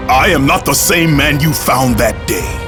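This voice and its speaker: A man voicing a tormented, vengeful Greek warrior in a video game, gruff, grim and bitter. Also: medium pitch, expressive, measured pace, close to an everyday voice. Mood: defiant, vengeful. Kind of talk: video game cutscene acting. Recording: loud music underneath.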